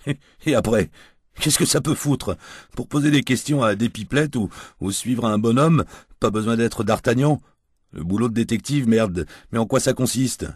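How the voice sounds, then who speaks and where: A man's voice: mid-range voice, moderate pace, breathy edge, dry recording, studio quality, pitched above the performer's own voice, natural voice. A man reading the part of a tipsy, crude, washed-up gigolo who rambles in coarse slang and whines. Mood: self-pitying. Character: washed-up male gigolo, crude, drunk, self-pitying.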